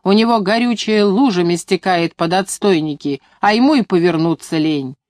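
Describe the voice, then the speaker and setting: A woman voices a young agronomist caught between doubt and temper, speaking in a low, close voice. There is no room echo at all, just a dry studio read of an audiobook. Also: normal speed, lightly acted. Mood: indignant. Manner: anxious, hesitant, then sharp and scolding. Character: young woman agronomist, flustered but fiery.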